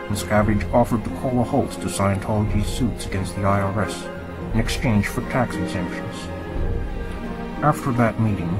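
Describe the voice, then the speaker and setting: Guy with a disguised deep-ish voice reading a script, steady and formal, music going behind. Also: rough recording. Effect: disguised, lowered voice. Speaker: anonymous narrator. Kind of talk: scripted narration.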